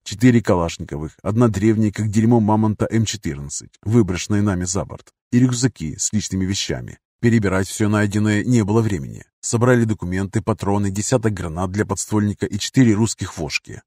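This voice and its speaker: A man with a low voice narrates a first-person action story in a tense, punchy way. He reads short, sharp sentences and gives the dialogue real force. The recording is dry and close, with no room sound. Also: a little fast, hardly any pauses, dry recording. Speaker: audiobook narrator.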